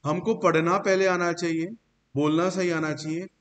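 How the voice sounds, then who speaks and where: A man's voice: fairly high pitch, steady tone, moderate pace. A man teaching a French pronunciation class in a classroom, explaining rules step by step and praising his students. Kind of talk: classroom lesson with slides. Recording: long reverb, faint hiss.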